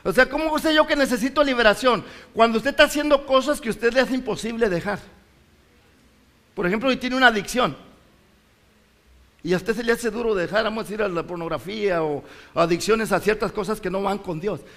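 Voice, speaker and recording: Middle-aged male pastor, high-pitched, impassioned sermon delivery. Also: a little fast. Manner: impassioned, rises to shouts and drops low.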